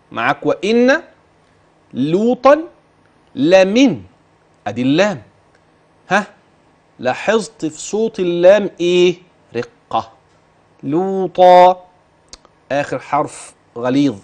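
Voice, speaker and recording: A man with an Egyptian Arabic accent teaching Quran recitation, asking questions and reciting example words slowly and drawn out. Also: high-pitched. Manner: patient, questioning and drilling the listener. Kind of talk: tajweed lesson, modelling recitation.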